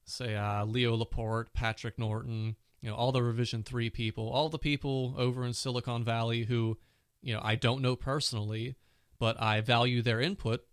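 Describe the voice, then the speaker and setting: A man hosts his own casual tech podcast, chatty and packed with "you know" fillers, while battling a cold and a sore throat. His medium-pitched voice is smooth and level at a moderate pace, with studio quality and no room sound.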